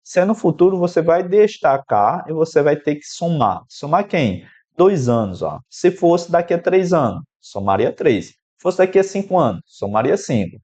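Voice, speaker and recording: A man with a Brazilian Portuguese accent gives an exam-prep math lesson, working through an equation step by step and addressing the student directly. His voice sits on the high side with big pitch swings, a darkish tone, and a normal speed. The recording is lo-fi and slightly dull.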